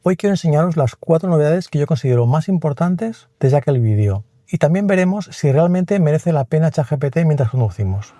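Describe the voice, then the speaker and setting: A tech video host with a Spain Spanish accent presents a tech review in a slightly high, expressive, dark-toned voice. He explains things quickly and plainly while chatting with the assistant.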